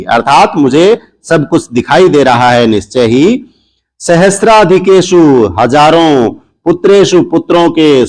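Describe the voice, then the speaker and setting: Slow, measured male teacher. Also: on the high side, a little mellow, low-quality recording. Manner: slow, measured, repeats each word then its gloss. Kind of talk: word-by-word textbook translation lesson.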